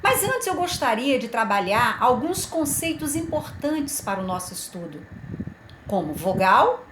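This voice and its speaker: Woman teacher going slow, repeats key words, voice goes up and down a lot, fairly high. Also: big pitch swings, noisy background. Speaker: Portuguese teacher. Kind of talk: classroom lesson at a board. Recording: echoey room.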